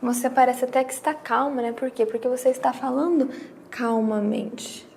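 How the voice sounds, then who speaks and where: A woman's voice: high voice, fairly even intonation, fast, vocal fry, darkish tone, slight background noise. A woman teaching a grammar lesson, explaining step by step with rhetorical questions and acting out her students' questions.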